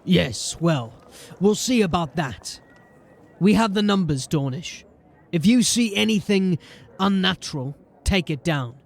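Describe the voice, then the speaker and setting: Heavily acted and unhurried, a high-pitched male voice with lively intonation portrays a gruff, determined sergeant of a fantasy city watch. In this audio drama his orders come clipped and commanding, with dry sarcasm.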